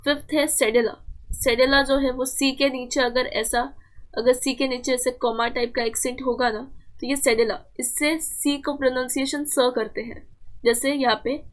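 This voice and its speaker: A woman's voice: high voice, steady tone, moderate pace. Woman teaching a French lesson. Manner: explains step by step, repeats words, checks with "okay". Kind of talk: classroom lesson explaining French pronunciation.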